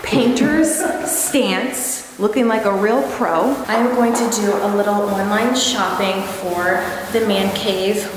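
A woman's voice: medium pitch, noisy background. A young woman in casual vlog chat, upbeat and chatty as she shows things around her house on a handheld camera. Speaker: home vlogger. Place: inside a house.

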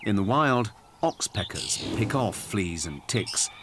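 A man giving scripted narration for a wildlife documentary, measured and gently explanatory, recorded as a studio voice-over. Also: on the low side, big pitch swings, background noise. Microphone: close studio mic. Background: music under the narration.

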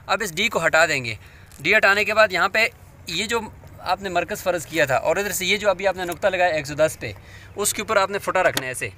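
A man's voice: high-pitched, sharp tone, slight background noise. A man teaching a hands-on demonstration, patient and step by step, often asking his listeners to check along.

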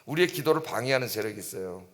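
A man's voice: medium pitch, expressive, very fast. A middle-aged male pastor preaching an emphatic dawn-service sermon, often prompting the congregation and crying out quoted pleas. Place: church sanctuary. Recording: long church reverb.

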